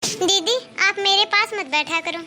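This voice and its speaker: A woman's voice: extremely high pitch, unhurried, background noise. A woman voicing a meek young daughter-in-law in a cartoon, speaking politely and pleadingly. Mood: gentle. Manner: polite, pleading, soft-spoken. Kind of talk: cartoon moral-story dialogue.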